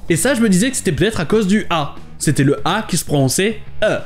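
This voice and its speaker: A man teaching English pronunciation in a lively, explanatory video lesson. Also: high-pitched, fast.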